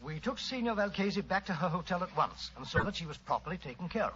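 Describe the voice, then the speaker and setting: An actor with a British accent playing a fussy, loyal gentleman doctor in a 1940s radio drama. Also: high voice, lively intonation, fast talker. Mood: storytelling. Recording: muffled, hissy old-time radio recording.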